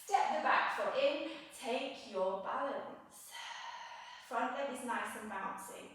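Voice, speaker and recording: A woman yoga instructor giving gentle, encouraging step-by-step cues, slightly out of breath as she moves along. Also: a little high, expressive, takes it slowly. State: slightly out of breath while moving. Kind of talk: guided yoga class cueing. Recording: echoey room, mic set at a distance.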